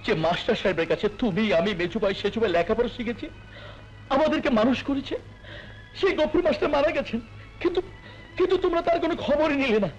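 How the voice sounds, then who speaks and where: A man's voice: extremely high pitch, animated, fast, dull audio, faint music behind. A young actor playing an earnest youngest brother in a melodramatic film, pleading with his family and tender with the woman he loves. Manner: pleading, then shy and tender.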